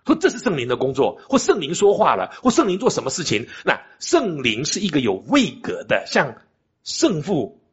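Very husky older male preacher. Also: on the high side, huge pitch swings, normal speed. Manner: emphatic preaching with rhetorical questions to the congregation. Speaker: pastor. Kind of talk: sermon. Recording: dull lo-fi recording.

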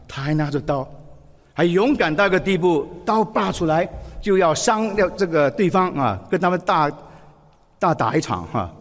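A man preaching a sermon, lively and expressive, acting out quoted words with feeling. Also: on the high side, in a large hall. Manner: expressive, acts out quoted speech with emotion. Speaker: pastor.

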